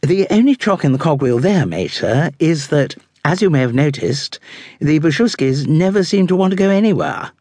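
Brief: man playing clever young aristocratic woman, brisk, higher pitch. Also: big pitch swings, darkish tone, dry recording. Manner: crisp, quick, upper-class slang.

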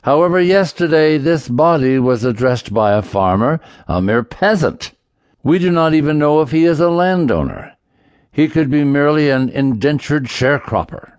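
A snobbish elderly duke, all fawning deference to the throne and scorn for peasants, as a man puts him on. His voice climbs well above the narrator's own and comes louder. The recording is dry and close. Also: fairly high pitch, expressive, normal speed, no room sound, voice pushed up, natural voice. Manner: fawning, pleading.

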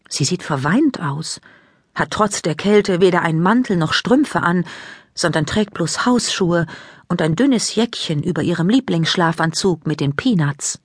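A woman narrating a children's audiobook in a calm, even storytelling manner. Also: low voice, slightly rough, no room sound, studio quality.

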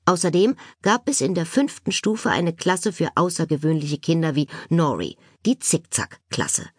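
A woman narrating a children's audiobook with expressive, playful storytelling. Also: low-pitched, moderate pace, breathy edge, dry recording, studio quality.

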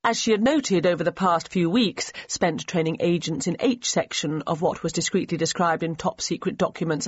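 A woman narrating a novel in a measured, even storytelling manner. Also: lowish voice, slightly rough, no echo. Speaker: audiobook narrator. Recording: slightly muffled dry studio recording.

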